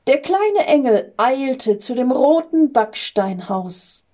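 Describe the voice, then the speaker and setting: Slow, mellow woman reading a story. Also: sits high. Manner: calm, measured reading. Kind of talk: reading a Christmas story aloud.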